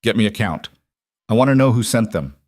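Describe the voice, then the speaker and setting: A man's voice: on the low side, lively intonation, brisk, darkish tone, dry recording, clean studio sound. A man voicing a stern, commanding wolf king who gives curt, clipped orders.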